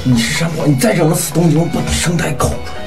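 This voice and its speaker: A man playing a blunt, nagging, gruff friend who scolds, in comedy skit style. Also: a little high, very fast, over loud music, close to an everyday voice. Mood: annoyed.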